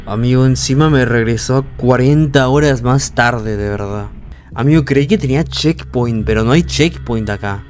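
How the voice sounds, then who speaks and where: A man's voice: medium pitch, normal speed, soft background music. Panicky young man doing horror gameplay. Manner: jumpy, yelps and shouts in panic, then mutters. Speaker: gameplay streamer.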